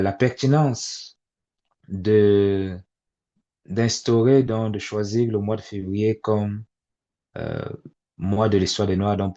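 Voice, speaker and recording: A man's voice: low-pitched, darkish tone. A man in his forties speaking to parents in a webinar, with a hesitant delivery full of fillers and repeated words. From immigrant to Canada. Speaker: webinar facilitator. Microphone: video call. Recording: dull lo-fi video call audio.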